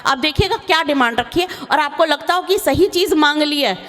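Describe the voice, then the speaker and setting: A woman's voice: sits high, fairly quick, fairly bright tone. A young woman poet telling chatty comic stories to a live audience at a poetry recital. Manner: chatty storytelling, breaks into sung verse. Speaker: stage poet. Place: large hall with live audience. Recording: faint noise, long hall reverb.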